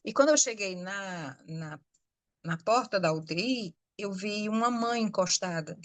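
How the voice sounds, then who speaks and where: A Brazilian woman who works as a nurse, telling a personal story on a podcast in a reflective way with many pauses. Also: medium pitch, animated, dry recording. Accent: Brazilian Portuguese. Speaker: nurse and healthcare worker.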